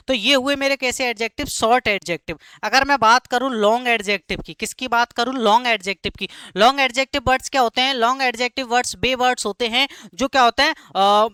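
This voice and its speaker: A man teaching a live grammar class, who keeps stopping to ask students quick check questions and repeats key words slowly. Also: very high-pitched, pushed and bright, clear, resonant tone, no room sound.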